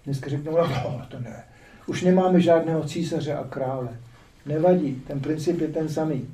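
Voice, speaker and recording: A man's voice: a little high, warm tone. An older man from the Czech Republic lecturing on scripture as a spiritual teacher, with ironic, rhetorical asides. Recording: roomy echo, distant mic.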